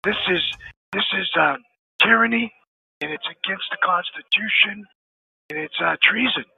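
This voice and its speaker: Gravelly man on a tinny prison phone. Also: sits high, moderate pace. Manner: earnest, emphatic, repeats key phrases. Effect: heard over a prison phone line. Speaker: caller, an inmate phoning in. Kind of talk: phone interview.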